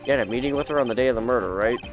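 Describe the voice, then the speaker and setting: A man doing a low deadpan young lawyer. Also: racing, over music, natural voice. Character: dry, low-voiced young male defense lawyer.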